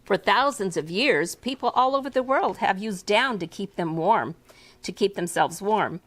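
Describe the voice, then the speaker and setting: A woman author reading her picture book aloud to a first grade class in a classroom, with an expressive, animated delivery. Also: medium pitch, moderate pace. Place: elementary school classroom.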